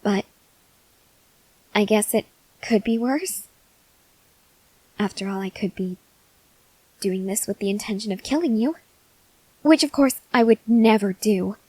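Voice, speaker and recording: A female voice actor performs an ASMR roleplay as a hungry vampire researcher, addressing the listener in a weary, earnest, gently pleading monologue. Her natural, mid-range voice comes out softly and haltingly, slowed by long pauses and often dropping to a whisper, acting weak and faint with hunger with a gentle, apologetic mood. The recording is rough but echo-free.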